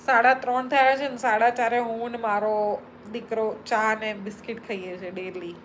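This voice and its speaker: A woman's voice: on the high side, flat delivery, normal speed, a little hiss or hum, low-quality recording. Chatty Gujarati woman on a live stream. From Gujarat, India. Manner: chatty, reads names aloud and answers each in turn. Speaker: vlogger hosting a live stream. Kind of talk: casual live-stream chat reading viewer comments.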